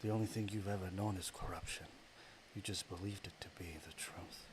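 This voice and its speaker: A menacing goddess of darkness and death, as a man puts her on, taunting in a low, slow voice that sinks into a whisper. Steady background noise sits clearly under the voice. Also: close to an everyday voice. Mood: whispering menace.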